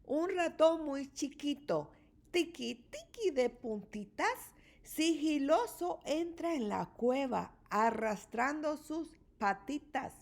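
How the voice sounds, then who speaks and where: A woman reading a children's rhyming picture book aloud with an expressive, rhythmic delivery. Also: high-pitched, slow pace, gravelly. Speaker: storybook reader.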